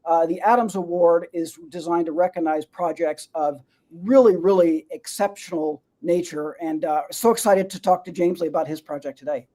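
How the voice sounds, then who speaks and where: A man's voice: a little high, steady tone, normal speed, warm tone. A man co-hosting a show, explaining things at length in a rambling way with many fillers. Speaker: co-host.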